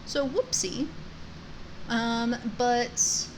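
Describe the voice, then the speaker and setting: A woman's voice: a little high, extremely slow, background noise. A woman giving casual, self-deprecating commentary while she plays a video game, chatting to the characters. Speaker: gamer commentating a playthrough. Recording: game music behind voice. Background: video game music.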